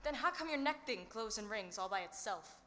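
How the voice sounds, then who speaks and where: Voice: mid-range voice, lively intonation, a little fast, pushed and bright, a little hiss or hum. Performer as a blunt, curious boy in a hall. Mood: wary, curious. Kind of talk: theatrical stage acting.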